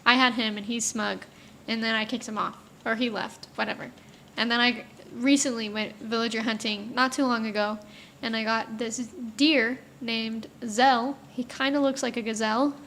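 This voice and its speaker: A young adult woman chatting casually as a guest, telling animated stories with playful outbursts. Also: fairly high pitch, moderate pace, slight background noise. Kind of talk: casual chat.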